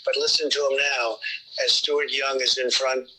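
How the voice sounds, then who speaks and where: A man's voice: mid-range voice, level tone, moderate pace, bright, forceful tone, breathy edge, rough recording. A man recorded in a casual voice note to a radio host, played back on air as a voice message, urging listeners to judge for themselves.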